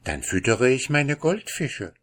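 A man voicing a cheerful, carefree young princess in a fairy tale, with a bright, playful manner. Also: mid-range voice, big pitch swings, measured pace, voice pushed up.

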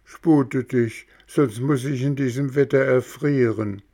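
A man's voice: medium pitch, fairly even intonation, slow, creaky, mellow, pitched above the performer's own voice. A man voicing an impatient, shivering wooden puppet boy who pleads urgently in a storybook reading.

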